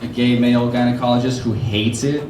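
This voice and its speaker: A man's voice: mid-range voice, level tone, fairly quick, darkish tone, slight background noise. Rambling man doing stand-up in an echoey club. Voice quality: loose, rambling delivery with frequent laughs and asides. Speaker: stand-up comic hosting an open mic. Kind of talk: stand-up comedy with crowd work. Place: comedy club stage. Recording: roomy club sound.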